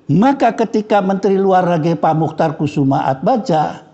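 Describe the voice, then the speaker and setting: Man, cleric's casual scripture lesson, gravelly voice, dull lo-fi recording. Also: high-pitched, mellow. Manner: frank, joking, chatty. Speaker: Islamic cleric teaching scripture. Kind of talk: casual religious study lecture.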